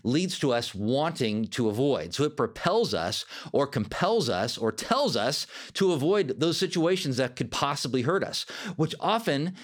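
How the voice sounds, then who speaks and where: Animated man hosting a self-help podcast. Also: medium pitch. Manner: animated, emphatic, acts out quoted inner voices. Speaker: podcast host.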